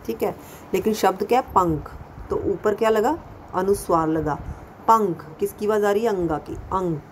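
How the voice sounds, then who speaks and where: A woman's voice: medium pitch, normal speed, a little hiss or hum, rough recording. A woman teaching a Hindi lesson to young children, patiently repeating sounds and asking questions. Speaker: primary school Hindi teacher. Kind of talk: slow classroom lesson addressing children.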